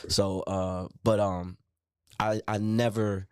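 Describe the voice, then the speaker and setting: A man in his late thirties, an R&B singer, telling his story in a relaxed interview with lots of fillers and restarts. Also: lowish voice, slow pace, clear, resonant tone, dry recording, studio quality. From Milwaukee, raised in Baltimore. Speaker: R&B singer, guest. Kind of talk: casual interview chat. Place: radio studio.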